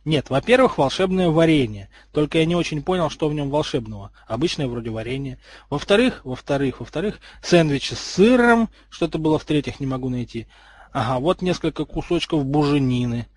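A man reading aloud voices a calm, dry-witted schoolboy. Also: on the high side, brisk, dry recording.

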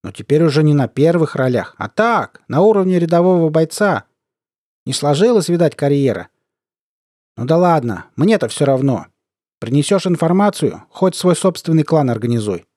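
A man voicing a mocking, sly middle-aged army colonel who talks in a squeaky, lisping, cooing baby-talk voice. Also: big pitch swings, normal speed, mellow, no echo, clean studio sound. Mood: gloating. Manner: mocking, taunting.

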